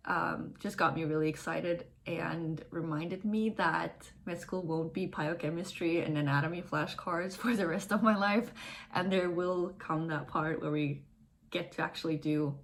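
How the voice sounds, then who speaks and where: Young woman, slightly low voice, casual vlog chat, informal explaining. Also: a little hiss or hum. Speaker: vlogger, first-year medical student.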